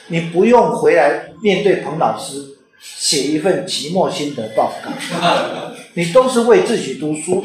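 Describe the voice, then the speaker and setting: A man who is an author and teacher, giving an informal lecture in a conversational way and often checking in with the listeners. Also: on the high side. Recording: very echoey room.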